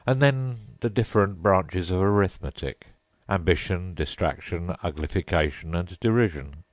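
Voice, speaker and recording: A man voicing a melancholy, sobbing male sea creature in a storybook reading, slow and mournful. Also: low-pitched, dry recording, natural voice.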